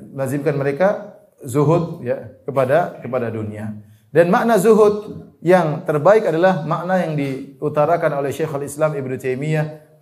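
A man giving an Islamic sermon, rising to emphatic points and then dropping to soft, low asides, sometimes chuckling at his own examples. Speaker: preacher.

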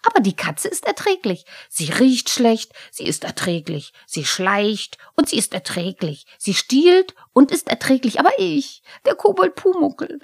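A woman's voice: creaky, no echo, clean studio sound, full character voice. A woman voicing a cheeky, easily offended little male goblin who shrieks and whines in outrage. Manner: shrill, whiny, shouting in outrage.

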